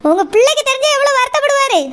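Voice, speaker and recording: A woman voicing a sharp-tongued younger woman in a cartoon, speaking in an accusing tone. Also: very high-pitched, expressive, rapid-fire. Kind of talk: cartoon voice acting.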